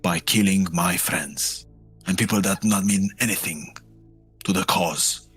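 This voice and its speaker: A man playing a proud, strong-willed warrior in a tabletop game, arguing earnestly in a husky voice. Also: low-pitched, measured pace, fairly bright tone, soft background music, full character voice. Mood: defiant.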